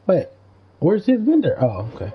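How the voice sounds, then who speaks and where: Game music plays as a young man gives laid-back, slang-filled live commentary on his stream. His voice is high-pitched with huge pitch swings and normal speed, and the slightly dull stream audio carries slight background noise.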